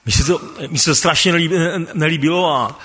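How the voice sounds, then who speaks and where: A man's voice: a little high, pushed and bright, slightly rough, big-room sound. A man sharing a personal faith testimony as a ministry worker, stammering through restarts and chuckling often.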